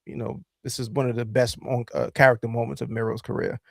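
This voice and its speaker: Brief: male podcast host, mid-pitched, loose rambling delivery full of fillers, dry close mic. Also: little pitch movement, fast, creaky, fairly bright tone, dry recording. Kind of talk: casual chat.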